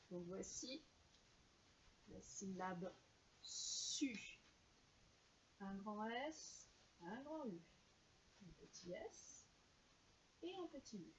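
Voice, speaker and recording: A woman teacher giving a slow, clear reading lesson to young children and carefully sounding out each syllable. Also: a little high, slight background noise, poor audio.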